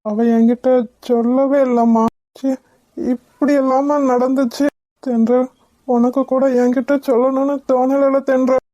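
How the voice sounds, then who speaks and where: A woman's voice: high voice, flat delivery, unhurried, mellow, no room sound, highs cut off. Woman voicing a tearful, grieving cartoon husband. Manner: sorrowful, pleading. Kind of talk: Tamil cartoon voice acting.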